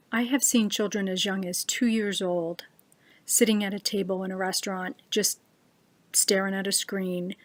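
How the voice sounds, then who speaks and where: An earnest woman speaks straight into her computer's webcam. She gives a personal talk and slows down to press her main points. Her voice sits at a middling pitch and the recording is dry and close. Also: no echo. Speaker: speaker giving a short talk.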